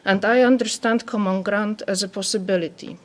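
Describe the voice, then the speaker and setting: Soft-spoken woman with a Polish accent. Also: medium pitch, steady tone, a little fast. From Poland. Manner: soft-spoken, careful reading. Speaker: anthropologist speaker. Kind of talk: reading a prepared talk.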